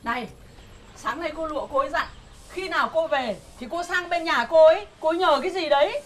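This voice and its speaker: A woman's voice: high-pitched, fairly quick, a little hiss or hum, close to an everyday voice. An actress playing a chatty, bossy older village woman who gossips. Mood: gossiping.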